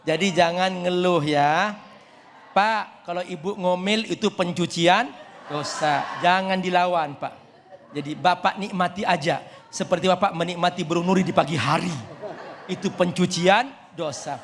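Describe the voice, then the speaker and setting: High voiced guy preaching on tv, jokes with the crowd, echoey studio hall. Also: moderate pace, a little hiss or hum. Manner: animated, jokes with the audience, swoops up high for emphasis. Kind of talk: humorous sermon to a studio audience. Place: television studio with an audience.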